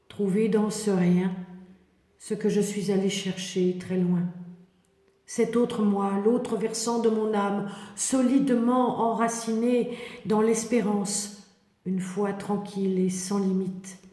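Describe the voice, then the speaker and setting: A woman reading a scripted, poetic biblical meditation in the first person, in a contemplative, measured manner. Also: medium pitch, warm tone. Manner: slow, poetic, contemplative delivery with measured phrases. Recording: echoey hall with long reverb.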